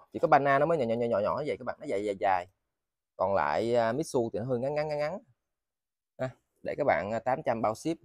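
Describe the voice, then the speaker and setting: A man with a southern Vietnamese accent giving a casual, rambling sales vlog, halting and often repeating his words. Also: mid-range voice, darkish tone, no echo, clean studio sound. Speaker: seller of used motors and machine parts. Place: indoors in a cluttered tiled storeroom.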